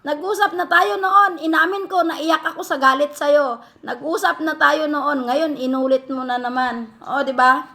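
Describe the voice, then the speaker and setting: A woman delivers a heated vlog rant straight to her critics. Her voice sits high and bright, with a sharp, forceful edge. She scolds them and fires off one rhetorical question after another. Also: fairly even intonation, moderate pace. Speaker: vlogger answering critics. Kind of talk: heated direct-to-camera rant.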